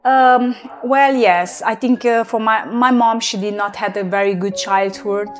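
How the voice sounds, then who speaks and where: A young woman from Transylvania with a Hungarian-Romanian accent, giving a personal testimony in English with many pauses and fillers. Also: on the high side, steady tone. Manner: halting, many fillers and restarts. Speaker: guest.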